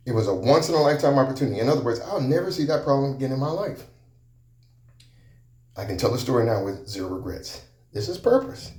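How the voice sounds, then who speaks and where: A man's voice: on the high side, darkish tone. Man telling a story in an echoey room. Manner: conversational, repetitive storytelling with restarts. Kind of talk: personal storytelling talk.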